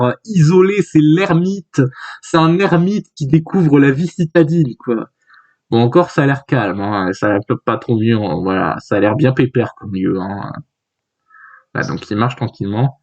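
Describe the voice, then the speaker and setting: A man's voice: on the high side, a little mellow. A young man giving a rambling, joking commentary while reading a manga aloud. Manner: rambling, jokey, many fillers and restarts. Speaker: youtuber. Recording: dull lo-fi sound.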